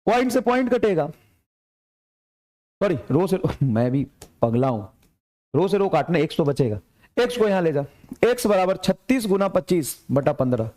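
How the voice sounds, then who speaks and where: In a spirited lecture, a physics tutor with a high male voice keeps pressing students forward through repetition, slowing down to dictate English problems.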